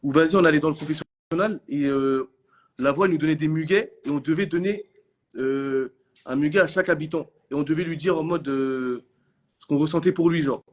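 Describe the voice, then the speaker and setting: A young man telling reality-show stories in quick, slangy casual chat, acting out what others said. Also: a little high. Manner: animated storytelling in slang, acting out others' lines.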